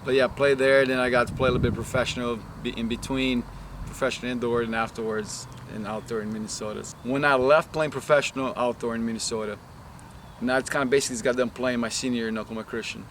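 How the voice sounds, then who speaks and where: A man's voice: medium pitch, fairly even intonation, fast talker. A man from Brazil, a soccer coach, talking casually in an interview and rambling with many restarts. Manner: rambling, many restarts and "you know" fillers. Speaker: head women's soccer coach. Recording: outdoor recording with loud traffic noise.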